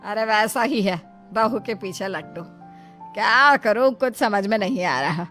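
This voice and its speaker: A woman's voice: medium pitch, unhurried, fairly bright tone, faint music behind, close to an everyday voice. A woman voicing a jealous, cruel mother-in-law who scolds with dramatic exclamations in a moral tale. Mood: sour, warning. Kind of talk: melodramatic story acting.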